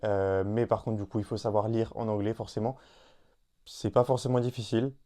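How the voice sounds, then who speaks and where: Talking a little fast in a fairly low, steady, mellow voice, this solo podcast host addresses his listener casually, full of fillers and restarts.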